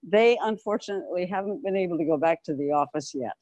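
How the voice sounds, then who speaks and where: An older woman wearing a face mask and a clip-on lapel mic guides a group on an informal tour of an open-plan office, explaining as she walks. Her voice is fairly low and darkish, she talks fast, and the recording is muffled with no room sound.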